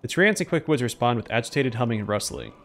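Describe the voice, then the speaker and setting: A man's voice: mid-range voice, expressive, fast, fairly bright tone, soft background music. A man hosting a let's play, narrating game text and adding casual commentary.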